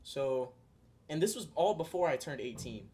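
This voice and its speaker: A young man with a medium-pitched, somewhat dark and expressive voice vlogs at a moderate pace. He shares earnest spiritual musings straight to the camera, rambling with frequent fillers and restarts.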